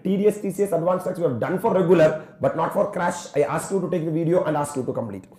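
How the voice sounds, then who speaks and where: Fast, animated South Indian Tamil-accented man. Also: fairly high pitch. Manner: exhortatory, with repeated "sir" and stock addresses to students. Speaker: tax exam coaching teacher. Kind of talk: animated classroom lecture, switching between languages. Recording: roomy classroom echo.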